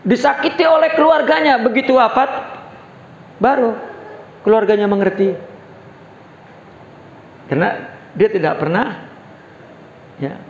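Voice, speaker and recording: A man with an Indonesian accent, a religious teacher giving a sermon in a study hall, telling stories with short pauses and frequent affirming "ya". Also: extremely high pitch, vocal fry. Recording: dull roomy recording in a hall.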